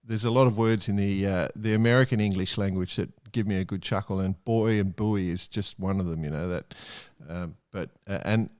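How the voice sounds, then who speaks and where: A man's voice: low voice, fairly even intonation, fairly quick, hardly any pauses, a little mellow, dry recording. Jokey male podcast host, dry sound. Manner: jokey, teasing, rambling questions. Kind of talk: casual chat.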